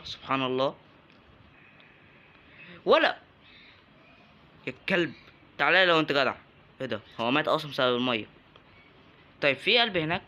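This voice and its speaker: A young man with an Egyptian Arabic accent gives let's-play commentary in a bright, sharp, slightly high voice. He talks casually and jokes with his viewers. He breaks into excited yelps when enemies attack. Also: highs cut off. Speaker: gaming YouTuber.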